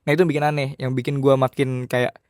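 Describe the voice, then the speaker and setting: A man's voice: medium pitch, level tone, fast talker, darkish tone, no echo, studio quality. A man telling a horror story in a casual podcast chat.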